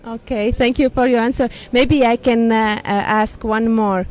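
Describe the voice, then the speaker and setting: A woman's voice: on the high side, fairly even intonation, moderate pace, a little mellow. A woman interviewing passers-by, polite and thankful as she asks a follow-up. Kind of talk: street interview questions.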